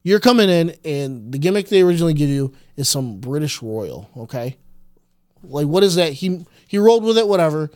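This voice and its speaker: A man's voice: on the high side, expressive, brisk, darkish tone, no echo, clean studio sound. A man in his thirties, chatting eagerly on a podcast, rambling with many restarts. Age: 30s. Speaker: co-host. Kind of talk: casual podcast chat.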